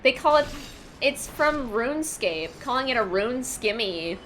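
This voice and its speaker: A woman streaming a game and chatting through it in casual commentary. Her voice is bright and a little high, and it swings widely as she reacts to chat and laughs often. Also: animated, measured pace, slight background noise.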